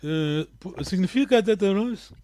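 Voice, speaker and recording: A man's voice: sits high, expressive, a little slow, mellow. A man teaching a language lesson over a video call, patiently explaining pronunciation and often checking that the students follow.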